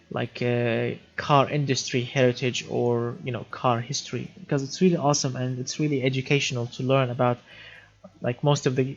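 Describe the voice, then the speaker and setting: A young Syrian man hosts a casual gaming livestream, chatting and reading viewer comments aloud, often repeating words as he restarts sentences. His voice is medium-pitched and a little mellow, and the recording sounds muffled.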